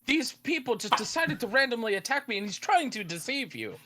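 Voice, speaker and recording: A man's voice: very high-pitched, sing-song, fairly quick, sharp tone, voice pushed up, heavily acted. A man voicing a lying male killer who poses as a surgeon and protests his innocence in a raised, pleading voice. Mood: indignant. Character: smooth-talking male killer posing as a surgeon.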